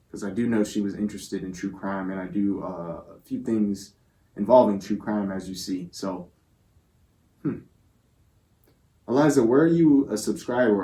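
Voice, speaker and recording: A man with a lower-pitched, mellow voice runs a spirit box session at normal speed. Sincere throughout, he offers affectionate, reverent words to viewers and to the spirit.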